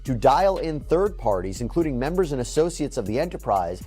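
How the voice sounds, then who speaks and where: Guy reading legal docs as news commentary, really animated mid voice, faint music. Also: mid-range voice, brisk, breathy edge.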